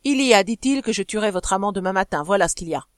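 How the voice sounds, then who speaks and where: A woman reads out a jealous husband from an old novel, a coarse nobleman who shouts his threats and sneers at his wife. His voice is forceful and stumbles when he gets worked up. The sound is dry and close. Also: mid-range voice, lively intonation, quick pace, no echo, close to an everyday voice. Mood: furious. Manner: loud, sneering and stammering in anger.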